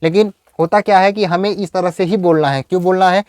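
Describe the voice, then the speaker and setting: A man teaching English in a video lecture, explaining step by step and saying example sentences slowly. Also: high-pitched, steady tone, a little mellow, no echo, studio quality.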